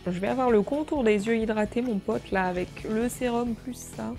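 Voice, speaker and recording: Chatty woman with a gravelly edge. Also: fairly high pitch, normal speed, dark tone, faint music behind. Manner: chatty, jokey, exclamatory, swears casually. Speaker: beauty vlogger. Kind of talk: casual unboxing chat.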